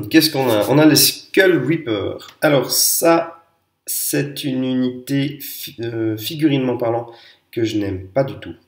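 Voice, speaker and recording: A man's voice: medium pitch, slow. Hesitant man reviewing wargame units, echoey. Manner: hesitant, many fillers and restarts, opinionated. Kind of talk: casual spoken review. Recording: echoey room.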